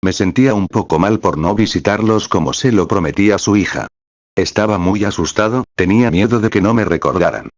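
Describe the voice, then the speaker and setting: A man narrating a story aloud at a slow, even pace. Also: lowish voice, dry recording, lo-fi sound.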